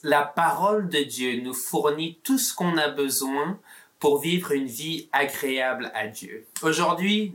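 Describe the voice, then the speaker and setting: A male pastor delivers a sermon message with a mixed Belgian and southern French accent. He speaks slowly and carefully, and his tone is bright and forward. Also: on the high side.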